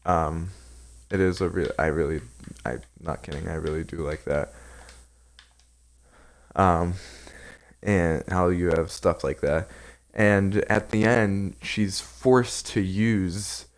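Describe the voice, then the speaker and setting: Low-voiced guy rambling thru an episode recap, lots of ums and restarts. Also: steady tone, takes it slowly, long pauses. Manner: rambling, with many fillers and restarts. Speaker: anime reviewer.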